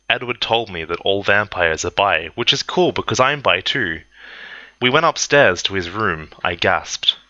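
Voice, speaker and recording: A man gives a deadpan, mock-earnest comedic reading in a lowish, bright, forceful voice. The recording is dull and dry, with no room around it. He narrates steadily. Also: no echo. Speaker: reader.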